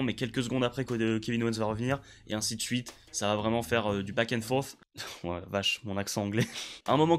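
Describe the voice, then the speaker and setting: A man giving a casual spoken review of a wrestling show, chatty and enthusiastic, often pausing on fillers. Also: medium pitch, fairly bright tone. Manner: chatty, hesitant with frequent fillers; enthusiastic play-by-play recap.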